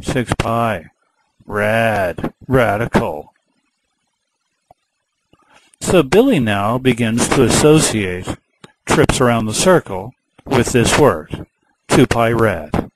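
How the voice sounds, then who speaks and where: A man's voice: mid-range voice, sing-song, slow, low-quality recording. A man teaching a math lesson patiently, repeating key words and explaining through a simple story.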